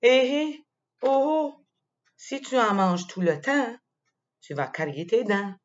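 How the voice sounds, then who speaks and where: A woman's voice: fairly high pitch, animated, slow, voice pushed up. A woman with a Quebec French accent voicing a mother who scolds her child in a raised, sing-song tone. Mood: sing-song scolding. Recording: dull lo-fi sound.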